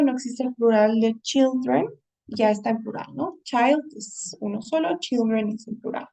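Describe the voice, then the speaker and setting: A woman's voice: high voice, gravelly, a little mellow, recorded from a distance, poor audio. A woman English teacher giving a writing lesson, explaining patiently and often checking in with her students.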